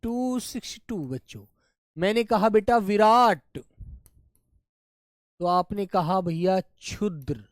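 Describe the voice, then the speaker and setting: Slow-spoken Hindi teacher drilling children. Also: male voice, high-pitched, no room sound, studio quality. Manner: repeats each word slowly, addressing children warmly as "pyare bachche". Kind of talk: live online class lesson.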